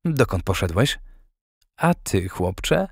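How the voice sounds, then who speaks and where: A man voicing a flustered, gruff older grandfather in an audiobook, blustering as he talks. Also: on the low side, big pitch swings, slow, dry recording, studio quality, heavily acted.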